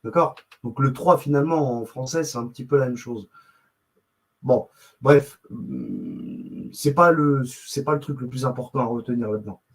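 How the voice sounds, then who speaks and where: In this poor-quality clip, a man with a mid-range voice speaks at a normal speed. He's a YouTube host doing casual screen-share commentary on his own channel, rambling, interrupting himself, and muttering as he thinks aloud and searches on screen.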